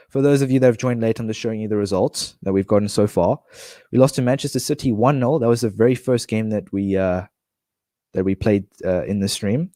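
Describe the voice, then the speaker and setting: This man streams a football manager game with a blocked nose, speaking in a medium, dark-toned voice. His talk is chatty and rambling, packed with fillers and restarts, and the studio-quality sound has no echo.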